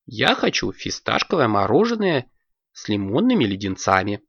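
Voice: medium pitch, big pitch swings, moderate pace, vocal fry, a bit bright, breathy edge, no echo, dull audio, full character voice. A storyteller voicing a curious, practical young girl wizard.

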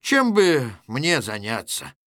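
A man's voice: mid-range voice, huge pitch swings, slow pace, a bit bright, no echo, clean studio sound, full character voice. A man reading a play aloud, voicing a cynical ex-convict who lectures his neighbors. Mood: sardonic. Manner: sardonic, lecturing. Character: cynical, worldly male ex-convict, mocking.

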